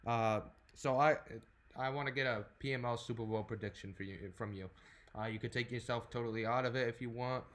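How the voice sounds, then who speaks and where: A man hosting a podcast in casual chat, easygoing and quick to agree, with many fillers. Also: mid-range voice, steady tone, fairly bright tone. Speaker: podcast host.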